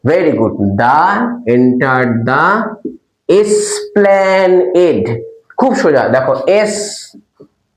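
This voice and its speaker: A man's voice: fairly high pitch, expressive, very slow, long pauses. A male teacher going through a children's English lesson, asking questions and answering them himself and spelling words out. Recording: echoey room.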